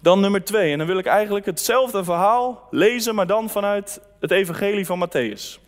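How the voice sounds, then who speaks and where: A man delivers a sermon in an easy, conversational way, sharing personal stories and reading scripture aloud. His voice sits fairly high. The sound carries a long reverb, as in a large hall. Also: expressive, fairly quick. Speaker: pastor.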